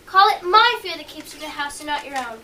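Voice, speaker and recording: A woman plays a fearful Roman wife pleading in verse. Her very high, bright voice comes from a distance. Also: animated, quick pace. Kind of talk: amateur stage acting. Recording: distant mic, faint noise.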